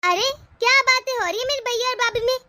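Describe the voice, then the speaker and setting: A woman's voice: extremely high pitch, quick pace, sharp tone, heavily acted. A woman voicing a scheming, bossy sister-in-law in a cartoon, taunting and sly. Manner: taunting, sly, self-pitying. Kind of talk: cartoon voice acting.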